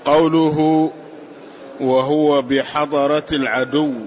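In class, a male student reads a commentary aloud, reciting its quoted passages for the teacher. His voice is a little high, level in tone, and slow, captured on a dull lo-fi recording.

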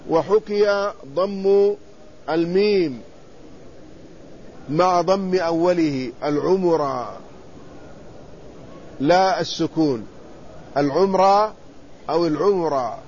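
A man with a high-pitched voice teaches a hadith lesson, reading lines from a classical commentary and unpacking each one in plain words. He often pauses to pose a question and answer it himself. The recording sounds slightly dull, with a faint hiss of noise behind him. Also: a little mellow. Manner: reads quoted text then explains it plainly, pausing to ask and answer himself. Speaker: Islamic scholar teaching hadith.

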